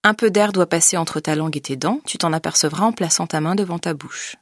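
A woman's voice: fairly low pitch, no room sound, clean studio sound. Woman giving a careful pronunciation lesson. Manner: clear, methodical, slows down to model sounds. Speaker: language teacher. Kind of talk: scripted pronunciation lesson narration.

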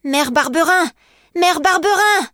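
A woman voicing a desperate young peasant boy who pleads and cries out in a high, loud voice. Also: animated, slow, no room sound, clean studio sound, exaggerated voice. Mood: pleading. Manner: pleading, crying out.

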